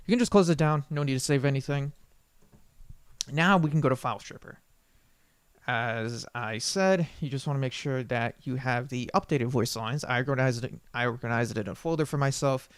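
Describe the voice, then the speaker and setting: Speaking at medium pitch, this man walks through a software tutorial off the cuff, wandering a bit and often stopping to fix what he just said. The audio has no echo.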